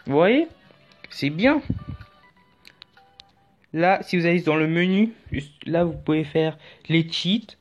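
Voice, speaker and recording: A man's voice: on the high side, animated, slow, long pauses. A man talking through a casual tutorial in a chatty, rambling way with jokey asides. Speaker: YouTube tutorial host. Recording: dull lo-fi audio with faint music.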